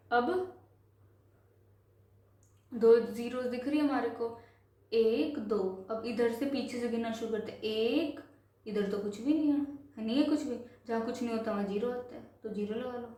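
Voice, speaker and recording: A woman teaches a simple math lesson, patiently repeating each step and slowing down to read numbers digit by digit. Her voice sits fairly high but sounds soft and mellow. The recording is very echoey, as if made in a bare room. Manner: patient, repetitive, slows to spell out numbers.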